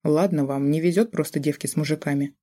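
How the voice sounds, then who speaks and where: An audiobook narrator voicing a laid-back, amused middle-aged son with a mellow tone. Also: medium pitch, steady tone, fast, lightly acted.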